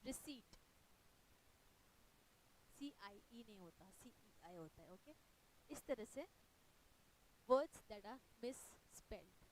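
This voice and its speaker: A woman's voice: sits high, poor audio. A woman with an Indian accent teaching an online exam-prep lecture, explaining patiently in mixed Hindi and English and checking in with "right?".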